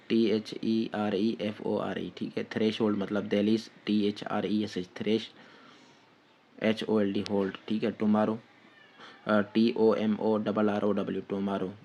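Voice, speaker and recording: A man's voice: on the low side, darkish tone, a little hiss or hum. A man with a Pakistani Urdu accent giving a spelling lesson, dictating words letter by letter and repeating "theek hai" often. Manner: slow, repetitive dictation with frequent "theek hai" fillers. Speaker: test-prep teacher.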